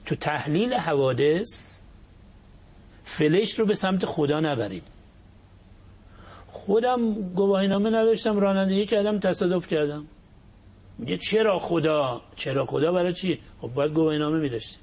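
A man giving a religious talk as a cleric. He explains points quickly and then slows right down to recite verses in a drawn-out chant. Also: sits high, a little mellow, slightly rough. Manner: shifts between quick explanation and slow, drawn-out Arabic recitation.

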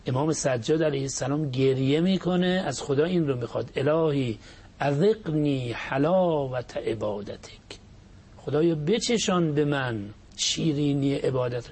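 Husky-voiced cleric giving a religious talk. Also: male voice, a little high. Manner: shifts between quick explanation and slow, drawn-out Arabic recitation. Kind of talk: religious talk with Quran recitation.

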